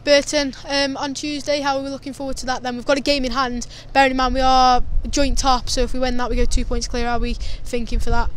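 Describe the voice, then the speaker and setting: A man's voice: extremely high pitch, flat delivery, a little fast, hardly any pauses, a bit bright, a little hiss or hum. A teenage boy interviewing footballers outdoors at a stadium with a handheld mic, asking eager prepared questions. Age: teens. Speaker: fan interviewer. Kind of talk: post-match interview.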